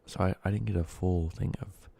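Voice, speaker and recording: This ASMR creator rambles about making candy in a soft voice that keeps sliding into whispers, filled with ums and uhs. He's congested, sounds sick and breathless, and has a very low, gravelly, dark and mellow voice that holds a steady tone at a fairly quick pace.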